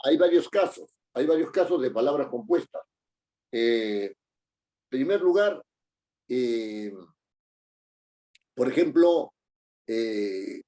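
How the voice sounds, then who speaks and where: Man, middle-aged, teacher, mellow, patient explaining, tag questions. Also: medium pitch. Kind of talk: online class lecture.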